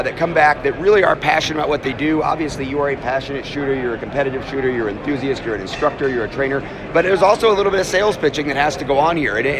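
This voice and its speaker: A man in his fifties rattles through a live walk-and-talk vlog, cutting himself off and starting over as he goes. He holds his phone out at arm's length inside a huge indoor trade show hall. A loud crowd hums around him. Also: a little high. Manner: fast, chatty, self-interrupting. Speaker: host. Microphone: phone held at arm's length. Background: crowd chatter.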